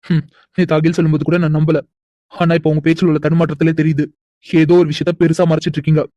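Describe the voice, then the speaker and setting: A woman voicing a calm, teasing young man. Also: low voice, no room sound, highs cut off, natural voice. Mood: probing. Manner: unhurried, probing, quietly insistent. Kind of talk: animated cartoon dialogue.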